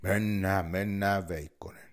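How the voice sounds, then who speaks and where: A naive storybook bear, eager and trusting, in a lively voice that rises and falls. A man acts it out. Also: medium pitch, creaky. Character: vain, gullible bear.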